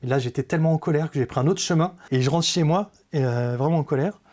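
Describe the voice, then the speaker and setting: A man giving a personal faith testimony in a podcast conversation, speaking earnestly and haltingly, with many hesitations. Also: a little high, a little mellow. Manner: earnest, confessional.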